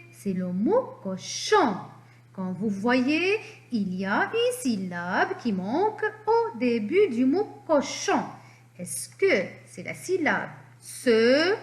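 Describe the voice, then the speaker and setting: A woman's voice: high-pitched, roomy sound. A woman teaching young children to read, in an encouraging manner, drawing out each syllable. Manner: animated, encouraging, drawn-out syllables. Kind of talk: slow reading lesson for young children.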